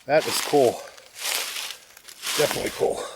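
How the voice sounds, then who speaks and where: Musing man hiking, loud outdoor noise. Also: normal speed. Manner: thinking aloud, musing and guessing. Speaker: explorer filming old mine sites. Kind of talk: vlog narration while hiking. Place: outdoors in the woods on a mountainside.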